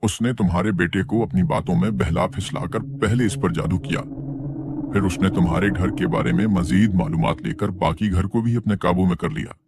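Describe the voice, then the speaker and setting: An actor playing a calm, scheming male sorcerer with a very low voice. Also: moderate pace, heavy background noise.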